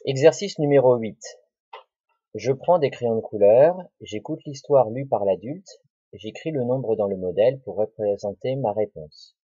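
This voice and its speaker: A male teacher talks young children through a lesson, slow and deliberate, repeating words and syllables. His voice is mellow and a little husky. The recording is dull, lo-fi and dry. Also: mid-range voice, no echo.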